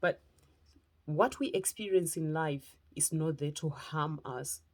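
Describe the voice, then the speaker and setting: A woman's voice: deep voice, takes it slowly, a little mellow. Earnest woman with a Zimbabwean accent. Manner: earnest, heartfelt, speaking in short phrases. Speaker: motivational speaker and lifestyle preacher. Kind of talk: personal testimony talk.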